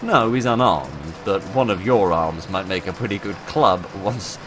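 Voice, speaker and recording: A man's voice: sits low, animated, moderate pace, noisy background. A man voicing a cheerful folksy drifter. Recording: game music playing underneath.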